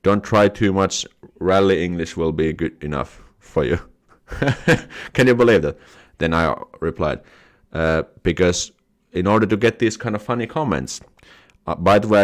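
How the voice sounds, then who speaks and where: Speaking at a moderate pace in a low-pitched voice, a young Finnish-accented man from Finland hosts a YouTube live stream. He reads viewer comments aloud, laughs things off, and often restarts words.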